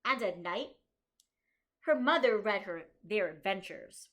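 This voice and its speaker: This kindergarten teacher reads a picture book to young children in a medium-pitched, expressive, slightly bright voice. She emphasizes the main story lines by slowing down, and she stops to think aloud about what the author and illustrator show.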